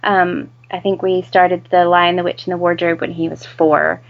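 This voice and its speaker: An American woman with a fairly low voice and a lot of vocal fry. She talks casually as an interview guest, on a slightly muffled recording. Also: level tone, normal speed. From United States. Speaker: interview guest, home-educating mother.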